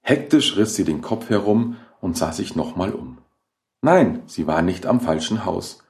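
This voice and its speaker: A man narrates a horror short story with a low, dark, mellow voice. His delivery is measured and dramatic, and his pitch moves expressively. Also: expressive. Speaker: audiobook narrator.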